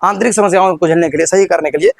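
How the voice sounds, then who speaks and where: High-voiced Bihari teacher quizzing his class. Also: very fast, vocal fry, no room sound. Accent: Bihari Hindi. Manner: repeats questions, prompts students, stumbles and restarts. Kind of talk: classroom history lesson.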